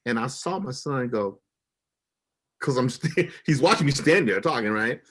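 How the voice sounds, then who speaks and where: A man's voice: medium pitch, lively intonation, moderate pace, a bit bright, slightly rough. A middle-aged man telling a personal story with feeling, acting out the people he quotes with big jumps in his voice.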